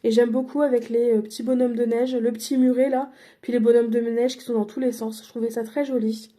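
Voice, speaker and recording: Woman chatting through her craft haul, high mellow voice, lots of ums and restarts. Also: flat delivery, a little fast. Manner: chatty, hesitant, many fillers and self-corrections. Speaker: crafting vlogger. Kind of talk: casual product haul.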